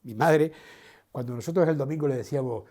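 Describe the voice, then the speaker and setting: His voice is mid-range and brisk, close to an everyday speaking voice, as this Canarian actor on a walking tour takes on the role of a proud older local. In the first person, he tells his life story with pride, addressing the crowd directly and vividly.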